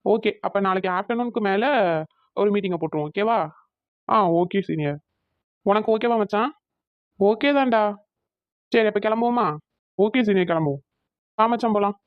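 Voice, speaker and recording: A man's voice: high-pitched, normal speed, pauses often, no room sound, lo-fi sound, lightly acted. A man playing an easygoing young man in a cartoon, chatting casually with friends. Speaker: friend planning an outing. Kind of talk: cartoon voice acting.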